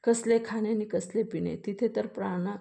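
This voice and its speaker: A woman reading a classic storybook aloud in a measured way, pausing to explain old words. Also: medium pitch, steady tone, gravelly, warm tone.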